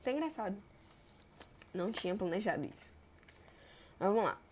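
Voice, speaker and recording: A young woman, teaching verb tenses in a chatty way and stretching example words slowly. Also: medium pitch, big pitch swings, darkish tone, a little hiss or hum. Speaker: Portuguese grammar teacher. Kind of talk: explaining verb tenses on a board.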